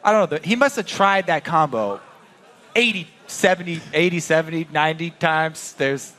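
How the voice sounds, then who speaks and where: A man co-casting an esports match, jokey and relaxed, breaking down the game. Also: a little high, normal speed, a faint crowd. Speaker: esports co-caster. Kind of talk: casual commentary banter.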